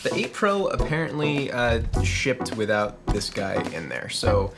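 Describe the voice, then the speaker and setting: A man talking through an unboxing with a playful, chatty, joking manner. His pitch swings widely from line to line, rising and dipping as he reacts. Music plays clearly under his voice. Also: very animated, a little slow. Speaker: tech video host. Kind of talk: casual unboxing commentary.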